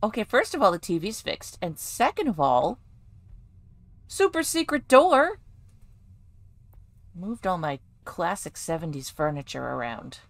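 A woman's voice: on the low side, sing-song, moderate pace, creaky, few pauses, no echo. A woman providing casual, jokey commentary while playing a horror game, talking to herself and yelping when startled. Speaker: gaming video host.

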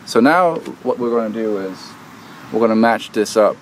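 A man's voice: fairly low pitch, expressive, normal speed, slight background noise. A man hosting a do-it-yourself video, talking through a repair step by step outdoors with many hesitant fillers. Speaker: DIY video host. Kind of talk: casual how-to explanation. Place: outdoors at an air conditioner unit.

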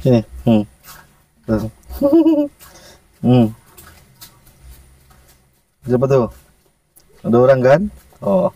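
Male vlogger, gravelly and mellow, unhurried, gentle coaxing delivery; mic at a distance, dry. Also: mid-range voice, huge pitch swings, dry recording. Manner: gentle, coaxing, often chuckling. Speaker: pet monkey vlogger. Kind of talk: casual vlog narration to viewers.

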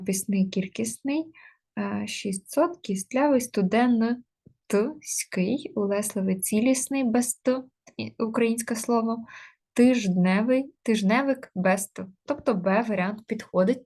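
A woman teaching an exam-prep grammar lesson with a slightly husky, breathy voice. She explains step by step, often pausing on hesitations as she works through examples. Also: medium pitch, darkish tone. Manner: explains step by step with many fillers.

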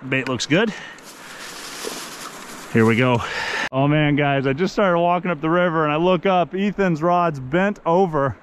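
A man's voice: on the high side, a bit bright, slight background noise. Upbeat man vlogging by a river. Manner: upbeat, chatty, addresses viewers as guys. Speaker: fishing vlogger. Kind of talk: casual vlog narration to camera. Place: outdoors on a riverbank. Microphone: action camera held at arm's length. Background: rushing river water.

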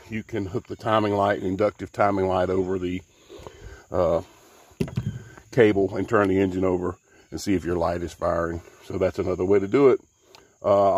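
A DIY mechanic with a low, husky voice casually walks through a jet ski repair outdoors, giving a folksy, rambling how-to full of fillers. There's no room sound on the recording.

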